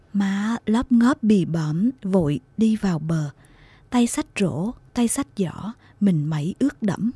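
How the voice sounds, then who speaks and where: A woman reading a heartfelt story aloud as a narrator, slow and tender in her storytelling. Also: medium pitch, warm tone, husky, no echo. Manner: slow, tender storytelling with emotional acted quotes. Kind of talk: scripted audiobook narration.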